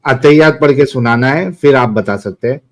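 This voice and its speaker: A man in a middle voice hosting a live online debate stream. He talks briskly and moves the callers along. He thanks his viewers as he goes. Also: mid-range voice. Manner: brisk, directing the call. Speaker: host.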